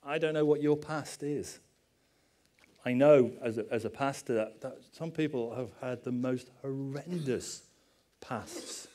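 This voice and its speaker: A man's voice: mid-range voice, a little slow, mellow. A middle-aged man, a pastor giving a conversational sermon with personal stories and self-deprecating asides.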